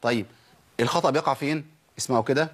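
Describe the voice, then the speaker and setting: A man's voice: medium pitch, slightly rough. A man with an Egyptian Arabic accent teaching a tajweed lesson, stretching and repeating sounds and answering his own questions. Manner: drills sounds slowly, asks and answers himself. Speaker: Quran recitation teacher.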